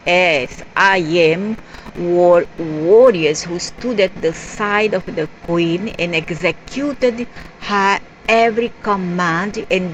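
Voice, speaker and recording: A woman reading a story aloud in a halting way, spelling out word endings letter by letter. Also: fairly low pitch, a little hiss or hum, poor audio. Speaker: narrator.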